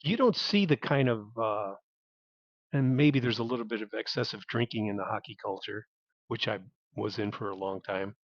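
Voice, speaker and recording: A man's voice: fairly low pitch, moderate pace, no room sound. A middle-aged man calling in over a clipped phone line, talking casually and rambling through his thoughts with restarts. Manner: rambling, thinks aloud with restarts. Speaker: caller. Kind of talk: casual call-in chat.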